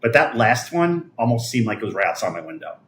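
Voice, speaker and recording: A New York livestream host in his fifties talks quickly in a medium-pitched, sing-song voice with a fairly bright tone. He answers viewer comments casually, rambling along and often letting thoughts trail off.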